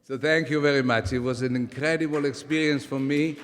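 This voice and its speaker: An Italian-accented man in his seventies addresses a conference from the podium, his voice at an ordinary middle pitch. He talks animatedly, dropping humorous asides and often stopping to restart a phrase. A long reverb from the large hall trails after his words. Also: fairly even intonation, brisk, a little hiss or hum. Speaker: conference speaker. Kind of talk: conference talk.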